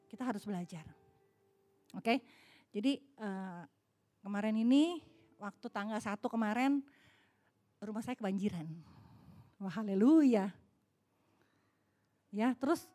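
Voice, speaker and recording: High-voiced woman telling homey sermon stories. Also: a little mellow. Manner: chatty storytelling, asks audience questions.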